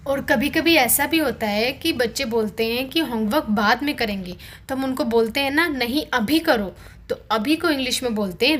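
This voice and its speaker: Young woman, high voice, patient lesson, slow clear repeats of phrases. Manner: explains in Hindi, repeats each English phrase slowly and clearly. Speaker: teacher of English phrases for parents. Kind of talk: scripted lesson.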